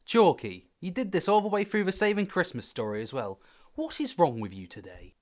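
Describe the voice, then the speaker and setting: A man's voice: sits high, very animated, brisk. An actor playing a young man who loves vodka, narrating his own story and getting annoyed at interruptions. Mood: exasperated. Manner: exasperated storyteller, easily interrupted. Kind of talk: comic short-film acting.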